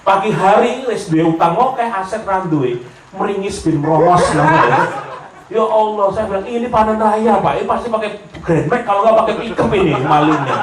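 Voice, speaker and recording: Animated Javanese-accented preacher, echoey hall. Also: male voice, high-pitched, normal speed, slight background noise. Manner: animated, jokey, slips into Javanese, acts out voices. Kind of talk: humorous sermon storytelling. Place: lecture hall with audience laughter. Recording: echoey hall, heard from a distance.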